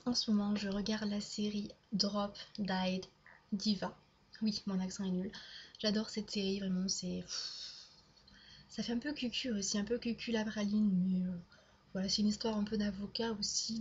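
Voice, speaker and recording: Young woman vlogging, rambly, lots of um and restarts, pretty flat voice, dull lo-fi sound. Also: medium pitch, a little hiss or hum. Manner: rambling, full of fillers and restarts. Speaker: YouTuber. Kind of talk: casual chat to camera. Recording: dull lo-fi home video sound.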